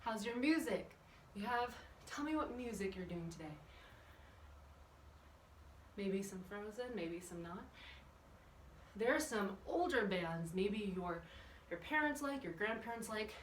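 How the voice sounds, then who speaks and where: A kids' exercise and yoga instructor leads a children's workout in a mid-range, expressive voice, speaking unhurriedly with long pauses. She's chatty and encouraging, asking her young listeners questions as she gives instructions. The recording is echoey, with a distant mic and background noise.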